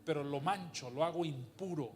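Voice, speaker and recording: A man preaching a sermon with passion, asking rhetorical questions and swinging from hushed to loud. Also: on the high side, moderate pace, a little hiss or hum.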